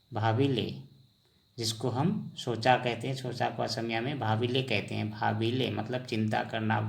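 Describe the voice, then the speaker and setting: Slow, drilling male language teacher. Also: medium pitch, creaky. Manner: slow, repetitive drilling, asks and answers his own questions. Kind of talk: vocabulary lesson.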